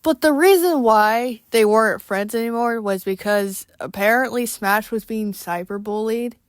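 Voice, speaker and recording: A woman in a casual, unscripted rant to viewers, speaking in a weary, exasperated and halting way. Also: fairly high pitch, clean tone, no room sound, clean studio sound. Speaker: online creator addressing viewers.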